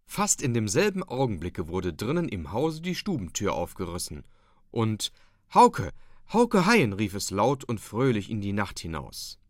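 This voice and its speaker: A man reading a story aloud in a scripted narration style, lively and voicing the characters' quoted lines. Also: fairly low pitch, moderate pace, no echo, clean studio sound. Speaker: audiobook reader.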